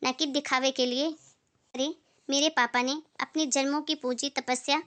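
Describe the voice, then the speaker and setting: A woman's voice: high voice, steady tone, unhurried, fairly bright tone, no room sound. A woman voicing a patient young daughter-in-law who speaks politely but firmly, in a moral story drama. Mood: indignant. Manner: polite, firm.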